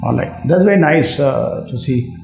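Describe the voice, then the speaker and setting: A man with an Indian English accent, an interviewer putting formal questions and giving feedback in a measured way with pauses. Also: mid-range voice, lively intonation, creaky, music in the background. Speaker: interviewer and coach. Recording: echoey room.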